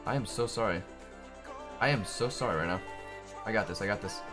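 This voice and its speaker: A man streaming a video game, hyped up, shouting in bursts and swearing as he plays. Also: on the low side, brisk, music in the background. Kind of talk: excited gameplay streaming.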